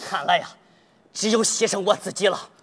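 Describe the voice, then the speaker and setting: A man's voice: high-pitched, brisk, background noise, natural voice. A man playing an eager, boastful young army cook, speaking in a with folksy, exaggerated exclamations in a stage comedy sketch. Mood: excited, scolding. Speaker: cook soldier.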